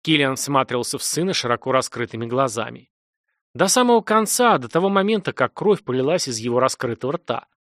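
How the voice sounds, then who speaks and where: Male narrator with a lively, dramatic voice. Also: medium pitch, brisk, no echo, clean studio sound. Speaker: audiobook narrator.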